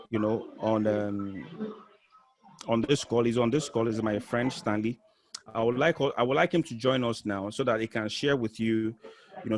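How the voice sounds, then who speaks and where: A man giving a live online marketing training over a video call, explaining step by step with frequent restarts. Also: mid-range voice.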